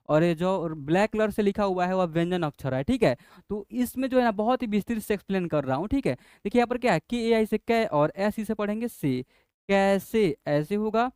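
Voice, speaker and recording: A man's voice: sits high, brisk, darkish tone, clean tone, no echo, studio quality. A man teaching a spelling lesson to children, patiently repeating each point. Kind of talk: explaining a language lesson.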